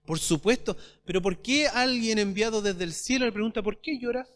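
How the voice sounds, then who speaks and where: A man preaching a sermon as pastor at a church service, asking his congregation rhetorical questions and swinging between loud and soft. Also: high voice, normal speed. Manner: addresses congregation as brothers.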